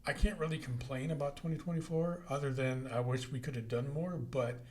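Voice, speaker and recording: A middle-aged man hosts a relaxed podcast chat in an ordinary mid-pitched voice. His talk is folksy and meandering, padded with ums and uhs. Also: brisk, a little hiss or hum. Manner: folksy, rambling with fillers. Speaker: podcast host. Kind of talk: casual podcast interview.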